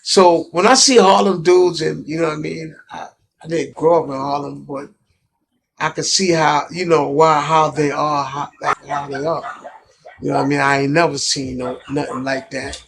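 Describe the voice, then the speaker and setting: A man's voice: fairly high pitch, level tone, normal speed, a bit bright, a little hiss or hum. A man from Brooklyn with a New York accent, chatting casually and peppering his talk with slang. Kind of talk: casual chat.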